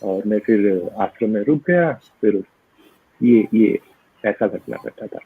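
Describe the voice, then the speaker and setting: A monk, a man being interviewed, tells his own story hesitantly, filling it with fillers and mixed-in English words. His voice is lowish, expressive, slow, and slightly rough, heard through dry, tinny, phone-like sound.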